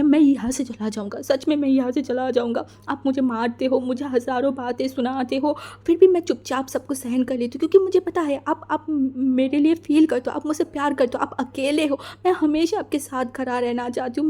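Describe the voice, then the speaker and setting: A woman's voice: sits high, dark tone, close to an everyday voice. A woman voicing a hurt young man who scolds his husband through tears, stammering and accusing. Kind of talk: fan fiction story reading.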